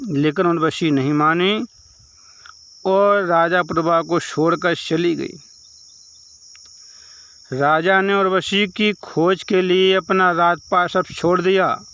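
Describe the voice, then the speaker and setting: A man narrates an ancient sacred legend as a devotional storyteller, building it up in short, repeated phrases. His voice is smooth and resonant, sitting a little high, and he takes his time with every line. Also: fairly bright tone. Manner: repetitive, phrase-by-phrase retelling. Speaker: religious storyteller.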